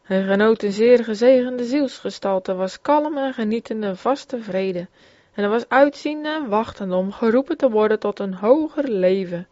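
A woman reading an old religious memoir aloud in a steady, solemn way. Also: on the high side, normal speed, no echo. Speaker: reader. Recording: dull, dry, slightly lo-fi recording.

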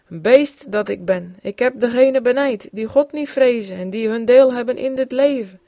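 A woman's voice: on the high side, warm tone, dry recording. Woman reading an old memoir, earnest. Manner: earnest, with rising fervor in exclamations. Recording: dull, dry lo-fi recording.

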